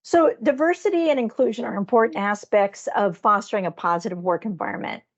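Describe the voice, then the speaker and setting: A woman's voice: mid-range voice, fairly quick, highs cut off. A woman interviewing a colleague in an upbeat, encouraging way, with some hesitant fillers. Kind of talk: casual interview conversation.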